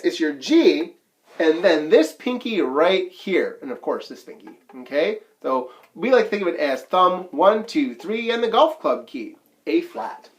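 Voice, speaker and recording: Lively-voiced man teaching flute. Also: a little high. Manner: counts beats aloud and explains terms plainly. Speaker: band teacher. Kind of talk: flute lesson walkthrough.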